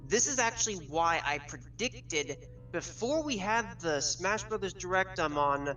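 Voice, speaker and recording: A man's voice: high voice, animated, unhurried, bright, forceful tone. A man as a guest on a casual gaming chat, explaining his theories step by step in detail. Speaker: guest with leak source. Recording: far from mic, faint music.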